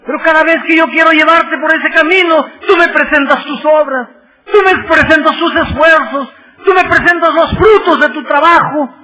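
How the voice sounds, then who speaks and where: An older preacher voicing a fatherly divine figure who answers a pleading man earnestly and with deep feeling. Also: normal speed, bright, forceful tone, poor audio. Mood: tender then impassioned. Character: tender fatherly divine voice, rebuking gently.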